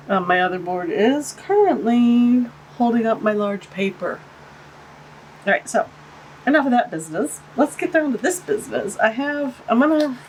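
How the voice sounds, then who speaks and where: A woman hosting an art channel does a casual art-supply unboxing, her high-ish, congested voice chatty and gushing as she coos over tiny things. The rough recording, made with a camera-mounted shotgun mic over a tabletop in her home art studio, has slight background noise.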